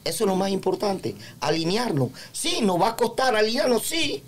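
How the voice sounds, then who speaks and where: A man on a religious talk show, preaching about God and telling lively personal stories. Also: high-pitched, moderate pace, a little hiss or hum. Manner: preachy, animated storytelling.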